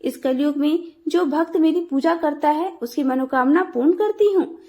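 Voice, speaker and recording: Brief: a woman as a kind but commanding mother goddess in a devotional storybook, high voice, solemn. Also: normal speed, a little mellow. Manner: solemn proclamation.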